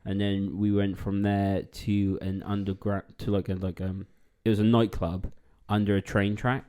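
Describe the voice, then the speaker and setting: A man co-hosting a casual podcast chat, telling stories in an animated way, laughing and swearing freely. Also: fairly low pitch, normal speed, clear, resonant tone. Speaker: podcast co-host.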